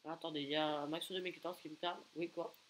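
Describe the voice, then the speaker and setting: A man giving excitable live gameplay commentary, taunting opponents and bursting into repeated exclamations. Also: on the high side, very fast, slight background noise, poor audio. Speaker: gaming video creator.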